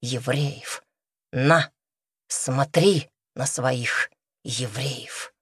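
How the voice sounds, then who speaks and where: Woman voicing a gruff hulking convict robber. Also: extremely slow, no room sound, studio quality, full character voice. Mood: angry. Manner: low, blunt, muttering. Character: huge gruff male ex-convict robber, grim.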